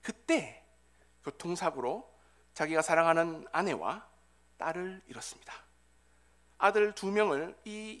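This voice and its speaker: A male pastor preaching a sermon in church, swinging from loud calls to soft whispers. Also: high voice. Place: church sanctuary.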